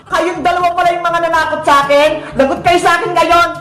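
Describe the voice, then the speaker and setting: A woman's voice: very high-pitched, fairly even intonation, fast, reverberant. A woman voicing a strict middle-aged mother who scolds the children. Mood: scolding. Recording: background music.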